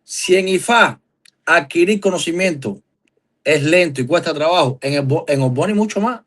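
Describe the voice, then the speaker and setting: Cuban guy on a live stream, high-ish voice, earnest, makes his points hard. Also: expressive, normal speed, fairly bright tone. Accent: Cuban Spanish. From Cuba. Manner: earnest, emphatic, asks long questions. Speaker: guest.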